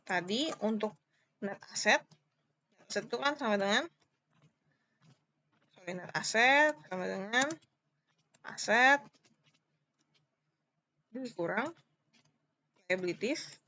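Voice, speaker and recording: A woman accounting lecturer with an Indonesian accent explains informally and step by step, her bright, forward voice at an average pitch for a woman. She's expressive, speaks slowly and pauses often, repeating key points and checking in with brief questions. The recording is slightly muffled and lo-fi.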